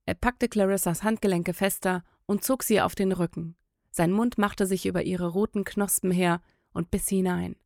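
A woman narrating an audiobook in a measured, intimate storytelling manner. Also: lowish voice, steady tone, creaky, a little mellow, no room sound, clean studio sound.

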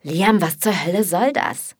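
A woman voicing a grumpy, spoiled young roommate in an audiobook, speaking gruffly and indignantly. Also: sits low, steady tone, normal speed, no echo, studio quality. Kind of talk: audiobook character voice.

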